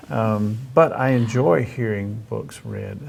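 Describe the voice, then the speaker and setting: Middle aged guy doing a chatty interview, creaky low voice, bit of rumble behind him. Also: takes it slowly, darkish tone. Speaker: host interviewing about reading aloud to children. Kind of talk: casual conversational interview.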